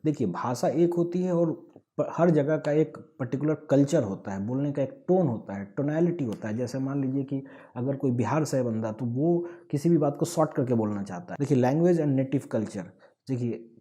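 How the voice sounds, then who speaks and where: Dark-voiced Bihari man teaching. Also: mid-range voice. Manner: explains with everyday examples, lively emphasis. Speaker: English teacher. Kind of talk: online lesson lecture.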